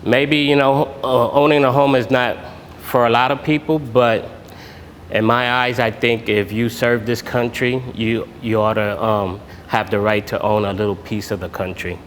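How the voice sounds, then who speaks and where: A man, a military veteran giving an informal talk at a networking event, halting and full of filler sounds. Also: medium pitch, level tone. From Puerto Rico. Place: event room. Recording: echoey hall with background noise.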